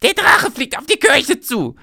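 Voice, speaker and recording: Man doing a young storybook witch girl, squeaky high voice, frantic shouting, dry close sound. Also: moderate pace, gravelly, no room sound, exaggerated voice. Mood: panicked.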